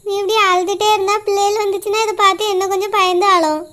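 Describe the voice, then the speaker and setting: A woman voicing a village woman in a cartoon, gently reassuring her older sister. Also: flat delivery, fast. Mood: soothing. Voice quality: high, bright cartoon voice. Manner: soothing, reassuring. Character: comforting village woman, the mother's younger sister.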